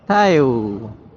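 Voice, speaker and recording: A man's voice: a little high, creaky, darkish tone. Chatty man vlogging from a motorbike. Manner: chatty, scolding traffic offenders, mixing in Hindi phrases. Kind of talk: casual running commentary while riding. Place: on a motorbike in city traffic outdoors. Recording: dull lo-fi audio with faint traffic noise.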